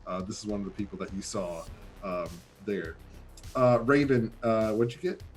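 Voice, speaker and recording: A man narrating a tabletop game as game master, casual and halting with lots of fillers. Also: fairly low pitch, faint music behind.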